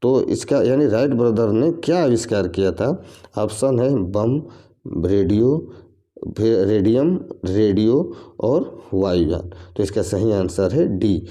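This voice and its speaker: A man's voice: lowish voice, lively intonation, unhurried, dark tone. A man teaching a reasoning lesson for competitive exams, explaining step by step and repeating each question and its options. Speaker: exam coaching teacher.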